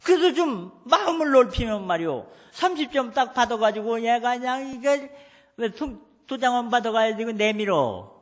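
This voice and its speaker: A middle-aged man preaches a homespun sermon, acting out scolding family scenes and asking the people to repeat phrases after him. His voice sits very high and swings widely in pitch. The long reverb of the church hall trails behind every line. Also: expressive, normal speed. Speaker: pastor. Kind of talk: folksy sermon. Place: church sanctuary.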